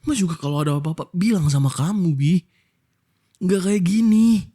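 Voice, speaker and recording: A man's voice: high-pitched, moderate pace, mellow. A young Indonesian man in a whispered role-play as a husband, scolding his wife with hurt reproach.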